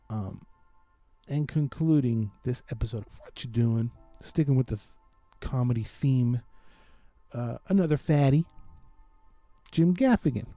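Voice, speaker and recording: Man, very mellow dark voice, slangy casual podcast chat, dry close sound, music underneath. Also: mid-range voice, dry recording. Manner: slangy, informal. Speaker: podcast host. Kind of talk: casual chat, reviewing games and comedy specials.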